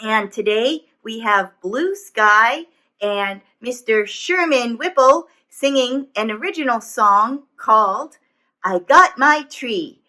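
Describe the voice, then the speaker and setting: Lady doing a goofy kids show puppet, bright voice, excitable and rambly. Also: fairly high pitch, takes it slowly, heavily acted. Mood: excited, goofy. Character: goofy, excitable puppet host of children's storytime. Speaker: children's show host. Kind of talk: chatty children's puppet show.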